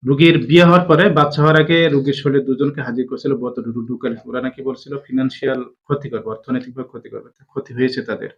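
A man in the middle of a spiritual healing session speaks in a firm, commanding voice of average pitch. He fires off questions, urges the patient to hurry and repeats each answer back. The recording sounds dull and lo-fi. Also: fairly even intonation, quick pace, hardly any pauses. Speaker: faith healer treating jinn possession. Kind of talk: interrogating a possessed patient.

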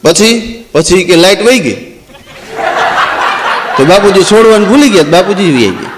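A man spins a comic village tale, slipping in and out of the people he quotes. His voice sits high for a man, and he stretches out the mourners' chants for effect. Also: moderate pace, background noise. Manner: lively, acts out quoted characters, drawls crowd chants. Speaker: stand-up comedian and storyteller. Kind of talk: folk comic storytelling.

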